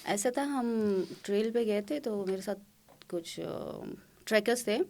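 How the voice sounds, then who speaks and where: A woman from Khyber Pakhtunkhwa, a tour guide and trekker, telling stories as a guest in a casual podcast interview, lively and acting out quotes. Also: medium pitch. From Khyber Pakhtunkhwa, Pakistan. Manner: lively storyteller, acts out quotes.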